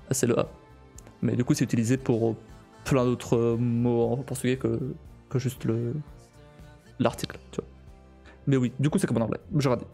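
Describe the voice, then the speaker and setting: A male streamer in casual live-stream chat, talking in a halting way with many restarts and frequent laughs. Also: mid-range voice, vocal fry, mellow.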